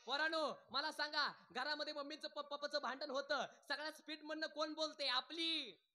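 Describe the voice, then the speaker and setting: A male kirtan preacher, telling jokey village stories and quizzing his crowd for loud answers. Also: extremely high pitch, steady tone, normal speed. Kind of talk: humorous devotional kirtan sermon.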